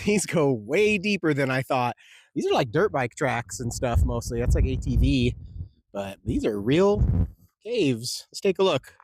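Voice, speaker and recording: A young man narrating his road trip as a travel vlogger, chatty and relaxed, easily impressed by what he finds. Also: medium pitch, measured pace. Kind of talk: casual travel vlog narration. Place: desert campsite and caves outdoors.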